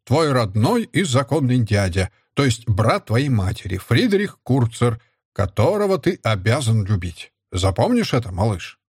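A man's voice: mid-range voice, big pitch swings, measured pace, slightly rough, no echo, clean studio sound, exaggerated voice. A man doing a hearty, teasing soldier uncle. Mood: jovial. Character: jovial middle-aged soldier uncle.

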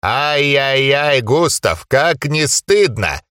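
A man voicing the ghost of an old male gnome grandfather, with a slow, sepulchral, drawn-out voice and a folksy, rambling, scolding manner. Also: mid-range voice, animated, fairly bright tone, dry recording, studio quality.

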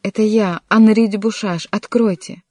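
A reader voicing a desperate young nobleman who shouts urgent warnings in an audiobook. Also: mid-range voice, level tone, fairly quick, dry recording, studio quality, close to an everyday voice. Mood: frantic. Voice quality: shouting, pleading. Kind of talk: audiobook character reading.

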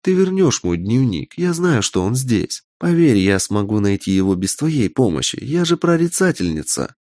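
Мужчина в роли властной коварной ведьмы. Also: male voice, mid-range voice, big pitch swings, normal speed, darkish tone, no echo, studio quality, lightly acted. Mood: commanding. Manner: cold, commanding, menacing. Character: imperious ambitious adult witch woman.

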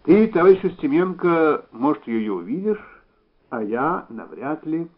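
A man doing a slow-spoken older Soviet official. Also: a little high, very animated, voice pushed up. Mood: wistful. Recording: slightly dull recording.

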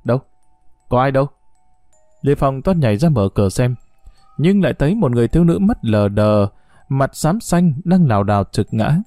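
A man reads a novel aloud with an expressive, dramatic delivery. His voice is very dark and his pitch moves widely. The recording is dry with soft music underneath. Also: fairly quick, no room sound. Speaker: narrator. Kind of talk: audiobook novel reading.

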